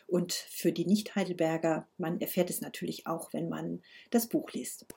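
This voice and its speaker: A woman reading her first-person novel aloud in a calm, measured way. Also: lowish voice, vocal fry, breathy edge.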